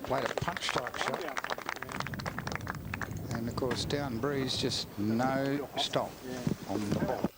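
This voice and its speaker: A man giving live golf commentary in measured, analytical phrases. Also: mid-range voice. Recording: noisy outdoor sports broadcast sound.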